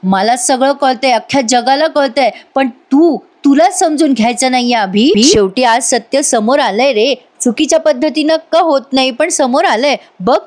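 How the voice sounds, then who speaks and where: A woman voicing a spurned young woman who shouts and pleads in anger, read aloud in a voice-over episode recap. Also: high-pitched, normal speed, hardly any pauses, close to an everyday voice. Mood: pleading.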